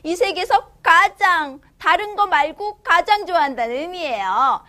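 Woman storybook tutor, slow and deliberate delivery, playful and exclamatory, reads aloud and explains. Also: very high voice. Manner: animated, exclamatory, playful teacher tone. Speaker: English tutor reading a picture book.

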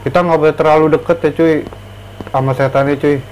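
A man's voice: on the high side, fairly even intonation, fast, darkish tone, a little hiss or hum, rough recording. A young man gives casual, slangy commentary as a horror game streamer, jumpy and easily scared. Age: young adult.

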